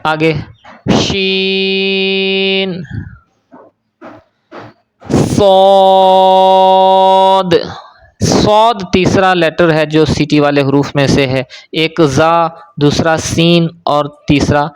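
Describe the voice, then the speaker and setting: A Pakistani man teaches a beginners' recitation lesson in a very smooth, clear voice that sits a little high. He explains how each letter is formed, then sounds it out slowly and more loudly for learners to copy. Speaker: Quran reading teacher.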